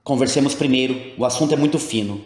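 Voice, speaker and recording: A man's voice: mid-range voice, fast, a little mellow, echoey room, voice pushed up, natural voice. A man reading a proud, tormented queen. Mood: solemn. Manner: grand, old-fashioned formal speech. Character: proud anguished woman, a secret queen.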